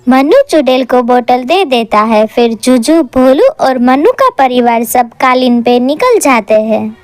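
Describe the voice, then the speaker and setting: This cartoon horror story comes from a woman whose high voice swoops up and down as she reads in a lively, scripted style. Her delivery is a little slow, captured close-up and dry without any echo.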